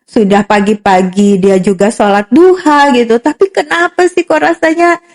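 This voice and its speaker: Mellow-voiced woman psychologist explaining. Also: on the high side, fairly even intonation, normal speed. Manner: explanatory, voices imagined remarks, frequent fillers. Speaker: psychologist guest. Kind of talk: casual podcast conversation.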